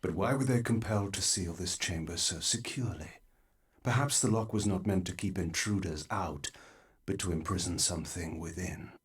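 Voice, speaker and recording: Video game vampire lord, male actor: low, haughty, measured, wary and aristocratic. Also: close to an everyday voice. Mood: wary, questioning. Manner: measured, haughty, formal diction. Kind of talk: theatrical video game narration and dialogue.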